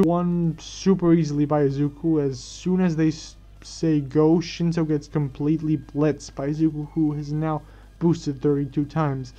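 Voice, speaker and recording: A man's voice: a little high, warm tone. A man narrating a fan-written story aloud, often stumbling and correcting himself mid-sentence. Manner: stumbling restarts and self-corrections. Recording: dull lo-fi recording.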